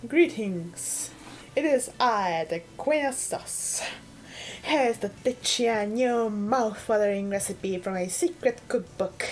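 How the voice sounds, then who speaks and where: A woman's voice: medium pitch, slow pace, natural voice, poor audio. A woman voicing a grand old-time female TV cooking host, in a theatrical 1950s broadcast announcer delivery as she reads the show's lines aloud. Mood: grandiose. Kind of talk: reading in-game TV lines aloud.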